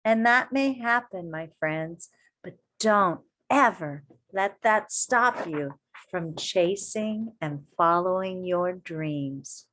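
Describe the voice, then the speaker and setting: Reading a children's story like an elementary school teacher, a woman with a lowish voice keeps her delivery expressive and measured. She breaks off at points to address the children directly, asking questions and encouraging them.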